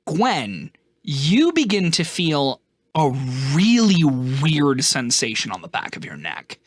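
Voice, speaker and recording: A man's voice: fairly high pitch, a bit bright, no room sound, clean studio sound. A man narrating a tabletop game as game master, casual and laughing often.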